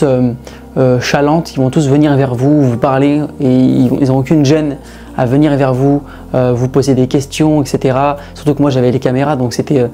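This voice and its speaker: Man, mellow voice, hesitant, filler-heavy testimony, faint music. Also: medium pitch. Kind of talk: testimonial to camera.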